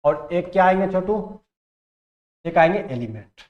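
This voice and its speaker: A man's voice: high voice, expressive, a little slow, lo-fi sound. A man teaching chemistry in Hindi, who asks the class questions and answers them himself and mixes in English terms. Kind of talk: classroom lecture.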